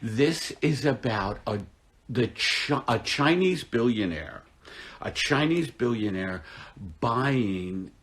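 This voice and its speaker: Middle-aged male comic host, deadpan and gloomy, slow and rambling, with a swooping pitch. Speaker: host of a live stream. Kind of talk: casual comedic live-stream chat.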